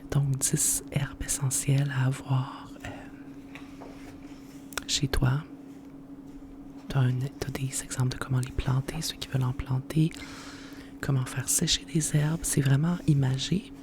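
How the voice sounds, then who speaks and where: An ASMR host with a Quebec French accent presents a book in a hushed, unvoiced library whisper, explaining things informally and without hurry. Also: mid-range voice.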